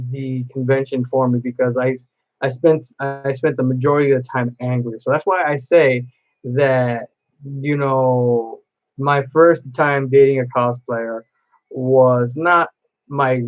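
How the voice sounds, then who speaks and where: A man's voice: medium pitch, slow, highs cut off. A man chatting to camera as a cosplay vlogger, telling a long personal story in a rambling way with many restarts.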